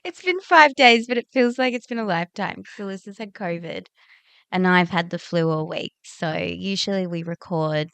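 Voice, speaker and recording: A woman co-hosting a casual podcast, bubbly and quick to laugh. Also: lowish voice, fairly even intonation, vocal fry, clear, resonant tone, dry recording. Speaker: podcast co-host. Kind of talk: casual chat. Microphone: studio podcast mic.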